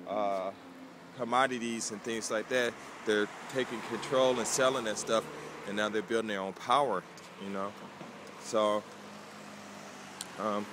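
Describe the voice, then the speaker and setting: Low-voiced man rambling on a city street. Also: background noise. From United States. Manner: conversational, rambling with many fillers. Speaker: vlogger. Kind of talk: casual talk to camera.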